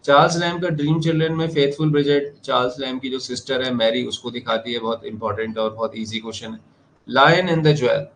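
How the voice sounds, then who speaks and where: Male exam lecturer, medium pitch, reading questions slowly. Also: fairly bright tone, slight background noise, rough recording. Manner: explains in Hindi, reads questions slowly in English. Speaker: teacher.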